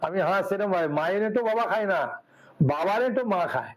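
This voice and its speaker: Man, high voice, monk, devotional sermon, folksy storytelling. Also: quick pace, poor audio. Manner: folksy, acts out dialogue, frequent "হ্যাঁ". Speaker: monk preacher.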